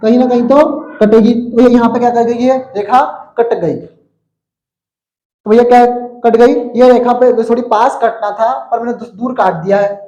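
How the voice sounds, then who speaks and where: A man's voice: very high-pitched, fairly even intonation, unhurried, warm tone, echoey room, highs cut off. A man teaching a physics lesson in class, chatty, calling students brother and telling little stories, with a Central Indian Hindi accent. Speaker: science teacher.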